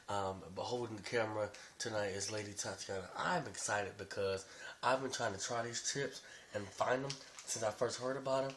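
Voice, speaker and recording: A man's voice: fairly low pitch, a bit bright. A man hosting a casual taste-test video, chatting playfully to camera and repeating phrases for effect in exclamations. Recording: noisy amateur video with clicks.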